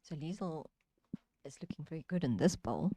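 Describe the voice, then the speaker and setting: A woman's voice: deep voice, lively intonation, normal speed, warm tone, husky, no echo. A woman co-commentating on lawn bowls, making brief golf-style remarks on each shot. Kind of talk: live sports commentary. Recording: faint background noise.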